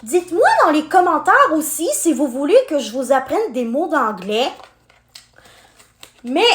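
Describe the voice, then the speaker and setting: A young woman in her twenties with a high, bouncy voice that swoops up and down, talking straight to her viewers as she unboxes toys. She takes her time over each phrase. The room around her sounds echoey. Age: 20s. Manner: talks straight to her viewers, friendly and chatty. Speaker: unboxing vlogger. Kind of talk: chatty unboxing video.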